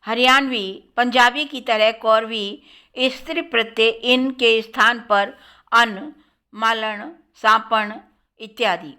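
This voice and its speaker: Female lecturer, bright tone, very deliberate pace, reads out forms item by item. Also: a little high, clean tone. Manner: measured, listing word forms one by one. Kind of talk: slow academic lecture on Hindi dialects.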